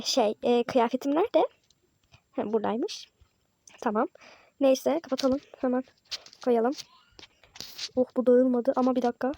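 A woman's voice: on the high side, warm tone, a little hiss or hum. A woman narrating a role-play game vlog, talking straight to her viewers in a chatty way with dramatic, exasperated sighs.

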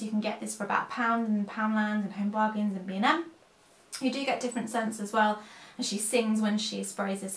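A woman's voice: mid-range voice, fairly bright tone. Chatty woman in an echoey room. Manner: chatty, rambling, self-correcting. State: tired, unwell. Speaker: cleaning vlogger. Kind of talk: casual chatty product haul. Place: room at home with a dresser.

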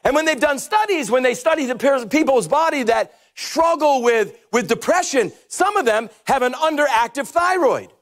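With a very high voice, a moderate pace and few pauses, a middle-aged pastor gives a comic, energetic sermon on a church stage. He wears a headset mic and now and then raises his voice to a shout for emphasis.

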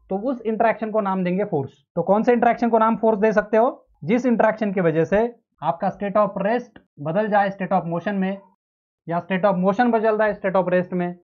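Male engineering lecturer, raised pitch, asks and answers his own questions; tinny telephone-like audio. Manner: explains with everyday examples, asks questions and answers them himself. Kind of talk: classroom lecture. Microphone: close mic. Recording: tinny narrow-band audio.

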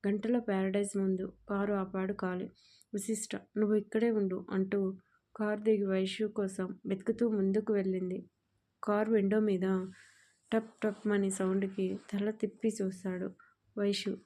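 Brief: warm, level woman narrator for a love-story audiobook. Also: mid-range voice, level tone, moderate pace.

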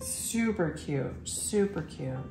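A woman's voice: deep voice, lively intonation, slow, creaky, over music. Woman in her thirties, shop host, enthusiastic casual showcase, roomy echo. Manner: chatty and enthusiastic, lots of fillers. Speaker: shop host presenting items for sale. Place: indoor shop room full of farmhouse decor.

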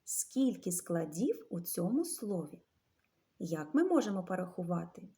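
A woman leads young children through a literacy lesson. She talks slowly and sounds words out syllable by syllable. Her pitch swings up and down in a lively, animated way. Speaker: teacher.

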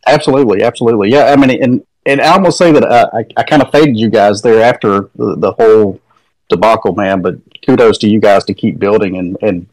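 A man's voice: fairly low pitch, fairly quick, a little mellow, no echo, rough recording. A man from a meme coin team talking easygoing and informal in a casual online audio chat.

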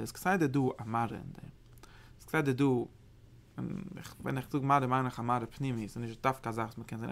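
A man giving a study lesson on mystical texts as a Torah teacher, talking in a halting, searching way and often repeating phrases. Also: mid-range voice, vocal fry, fairly bright tone.

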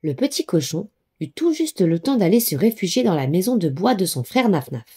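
A woman narrating a children's story in a lively, expressive reading voice. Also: lowish voice, moderate pace, husky.

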